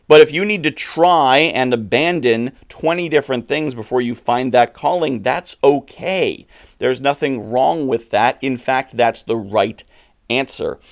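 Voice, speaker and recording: Earnest man giving motivational advice. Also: on the high side. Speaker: podcast host. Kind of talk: motivational monologue.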